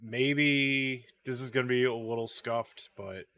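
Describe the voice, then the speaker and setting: A man's voice: mid-range voice, steady tone, unhurried, pushed and bright, no room sound. A man chatting casually while streaming a game, sleepy and rambling, humming idly while he waits. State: sleepy, yawning. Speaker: gaming streamer.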